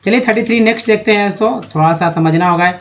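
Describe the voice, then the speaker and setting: High-voiced man teaching English pronunciation. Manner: slow, drawn-out word-by-word pronunciation; addresses viewers as friends. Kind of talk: slide-based spelling lesson.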